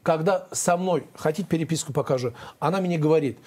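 A man's voice pitched a little above the usual sits at the center of a studio interview. He talks as a former defense lawyer defending himself, emphatic and aggrieved. He rambles, and he breaks off and restarts his sentences often. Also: fast talker, a little mellow. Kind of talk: interview answers.

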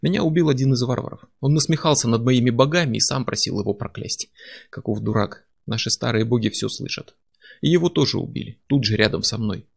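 A man reading aloud, voicing a patient who calmly and obsessively recounts endless revenge. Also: medium pitch, brisk, vocal fry, slightly rough. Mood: cold. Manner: cold, quietly obsessive. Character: calm man possessed by vengeful past-life memory.

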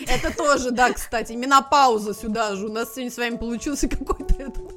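A woman co-hosts a podcast in a fairly high, chatty voice. She talks frankly and laughs easily while faint music plays underneath. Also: fairly even intonation, fast, fairly bright tone. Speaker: podcast co-host. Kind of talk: casual chat.

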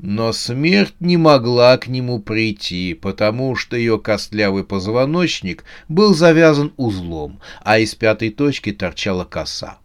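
A man reading a comic horror novel aloud as an audiobook narrator, in a steady, measured way. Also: medium pitch, clear, resonant tone.

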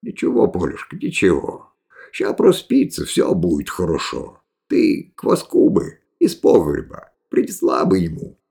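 A man voicing an old village grandfather who speaks in a calm, soothing, rustic way, in a storybook reading. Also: deep voice, a little slow, gravelly, breathy edge, voice pushed down, exaggerated voice.

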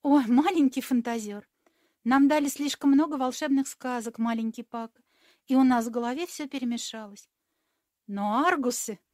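A woman's voice: high voice, a little mellow, no echo, studio quality, lightly acted. A woman reading an audiobook, voicing a young, beautiful wicked fairy who talks in a languid, teasing, condescending way.

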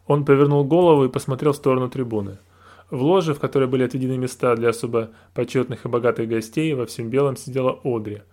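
A man narrating a novel aloud in a calm, measured reading voice. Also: mid-range voice. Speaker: audiobook narrator. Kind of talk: scripted narration.

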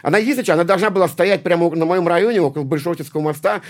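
Rapid-fire and high-pitched, a late-forties guest from St Petersburg, Russia—a punk poet and musician—talks casually in a rambling interview. He swears a lot, keeps restarting and repeats his words.

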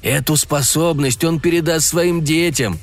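A man voicing a soft-hearted, fretful hillbilly uncle who whines on the verge of tears. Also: fairly high pitch, measured pace, faint music behind. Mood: anguished. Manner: whiny, near tears. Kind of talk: audiobook character voice.

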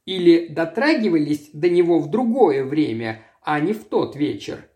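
Smooth, soft-spoken investigator, read by a male narrator. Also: a little high, sing-song, normal speed. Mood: calm. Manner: soft, conciliatory. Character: calm, smooth middle-aged male investigator.

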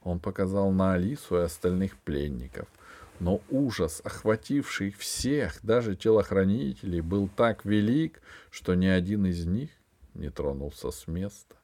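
A man's voice: low-pitched, expressive, unhurried, darkish tone. A man reading a children's sci-fi audiobook in a dramatic storytelling manner. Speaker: audiobook reader. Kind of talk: scripted narration.

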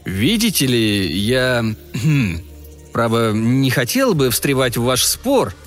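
A man voicing an ordinary man who speaks with dry, gentle mockery. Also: mid-range voice, sing-song, takes it slowly, soft background music. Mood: mocking. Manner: dry, mildly mocking. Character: ordinary mocking middle-aged American man.

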